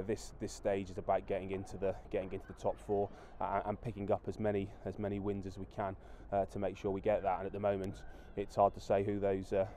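A man's voice: low voice, warm tone, slight background noise. A man in his thirties, a rugby coach, giving a post-match interview outdoors at a floodlit ground, talking with many fillers and restarts.

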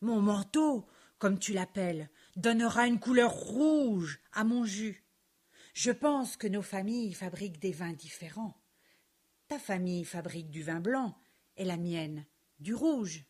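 A woman's voice: mid-range voice, lively intonation, a little mellow, slightly rough. A woman doing Beaugrain, a grumpy little red grape. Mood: earnest. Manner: grumbling, quick to anger. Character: hot-tempered young male red grape.

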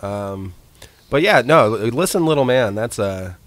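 A man co-hosting a casual music chat, talking in halting bits full of restarts. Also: mid-range voice, lively intonation, fairly bright tone, no echo. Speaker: local musician co-host.

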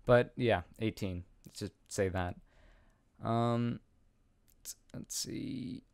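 Speaking extremely slowly in a fairly low, slightly mellow voice with vocal fry, a young Icelandic man of about eighteen rambles through viewer questions, laughing at himself and saying um a lot. It's a casual Q&A from a small room at home, recorded on a studio condenser mic with a pop filter while he wears headphones, with no room sound.

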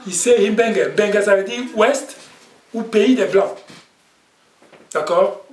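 A patient male teacher with a fairly high voice, talking slowly through a vocabulary lesson and checking in often. He is picked up from across an echoey room. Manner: patient, repeats words and checks with "ok?". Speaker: language teacher. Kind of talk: classroom language lesson. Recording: echoey room, distant mic.

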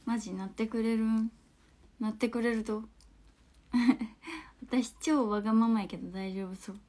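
A young woman in her twenties speaks in a bright, high voice with a Hakata dialect. She chats loosely on a phone livestream, reads out viewer comments, laughs easily, and sometimes sinks into soft, near-whispered asides. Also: fairly even intonation, normal speed. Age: 20s. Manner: chatty, laughs often, trails into soft murmurs. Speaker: livestream host. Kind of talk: casual livestream chat reading viewer comments.

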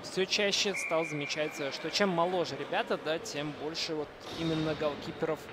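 A man giving unscripted live ice hockey commentary, often pausing mid-sentence to find words. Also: on the high side, fairly even intonation. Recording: loud rink noise behind the voice. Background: noisy indoor ice rink.

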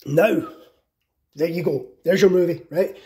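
A man casually pitching a film idea, excited and profane, with lots of fillers. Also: a little slow. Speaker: channel host.

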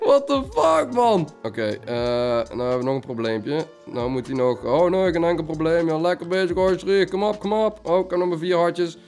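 A young man giving excited gameplay commentary, laughing often and dropping English slang. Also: a little high, a little fast, few pauses, faint music behind. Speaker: gaming YouTuber.

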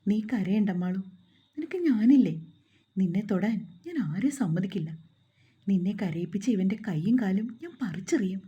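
A woman's voice: mid-range voice, big pitch swings, normal speed, pauses often, mellow, breathy edge, muffled recording. A woman voicing a simple-minded young man, earnest and fiercely protective of his wife. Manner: earnest, angry.

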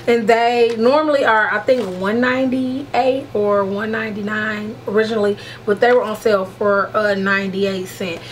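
A woman's voice: medium pitch, steady tone, normal speed, hardly any pauses, low-quality recording. A woman vlogger talks through a makeup unboxing in an easy, casual way. She is frank and slangy and keeps calling her viewers "honey". A faint hiss of room noise sits under her voice. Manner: chatty, calls viewers "honey". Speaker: beauty vlogger.

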